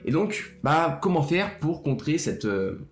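A man's voice: a little high, very animated, a little slow. A young man hosting a casual student podcast, talking straight to the listener in a chatty way, often restarting his sentences. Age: young adult. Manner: chatty, speaks directly to the listener, hesitant restarts. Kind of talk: casual solo podcast talk. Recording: roomy echo with faint music.

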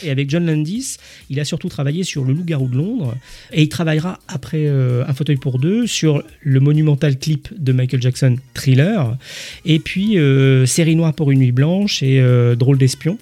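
Podcast co-host, male, mellow dark tone, explanatory with hesitations. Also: fairly high pitch, normal speed. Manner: informative, hesitant with fillers. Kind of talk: film discussion.

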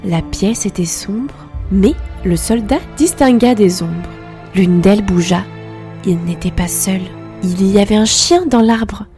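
A woman reads a fairy tale in a calm, expressive storybook manner. Her voice is warm and mellow at a mid pitch. Soft music plays faintly behind her. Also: unhurried. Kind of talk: scripted storybook narration.

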